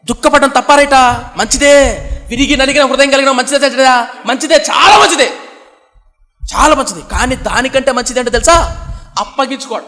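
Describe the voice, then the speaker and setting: A man's voice: very high-pitched, brisk, long pauses, pushed and bright, in a large hall. A man preaching a sermon, asking the congregation rhetorical questions and answering them himself in an emphatic, repetitive cadence.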